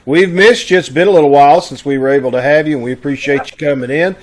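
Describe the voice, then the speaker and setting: Talking fast with a fairly high pitch, a man runs a live online radio-troupe show on a video call. He casually delivers announcements in a homespun, conversational way.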